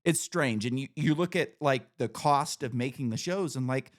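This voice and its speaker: A man's voice: mid-range voice, normal speed. Chatty, opinionated man in his thirties. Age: 30s. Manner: chatty, opinionated, leans on "like" and "you know". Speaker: podcast host. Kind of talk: casual podcast conversation.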